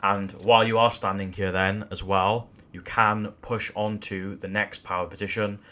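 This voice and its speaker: A man walking through video game tactics in a gameplay tutorial, explaining in a steady way that often repeats "again". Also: lowish voice, moderate pace. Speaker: gaming channel host.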